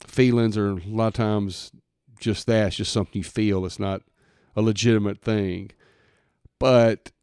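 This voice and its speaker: A man's voice: lowish voice, vocal fry, darkish tone, dry recording, clean studio sound. A man, hosting a casual faith podcast in a folksy, rambling way with fillers and chuckles. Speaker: podcast host.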